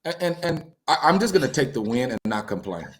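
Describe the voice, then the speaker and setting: A young man co-hosting a casual chat over a video call, relaxed and agreeable. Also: mid-range voice, brisk. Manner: relaxed, agreeable, short affirmations. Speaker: co-host. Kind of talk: casual conversation.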